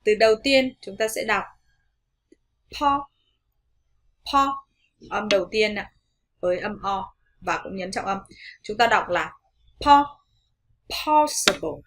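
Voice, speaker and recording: A woman with a Vietnamese accent teaches English pronunciation in an online lesson, politely addressing viewers and modelling words slowly and carefully. Her voice is medium-pitched with fairly even intonation, and there is a little hiss or hum.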